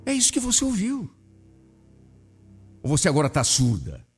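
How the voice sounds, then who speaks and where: A man's voice: sits high, wildly swooping pitch, normal speed, husky, in a large hall, faint music behind, exaggerated voice. A man voicing a scornful, coarse middle-aged husband who talks in a mocking, dismissive way.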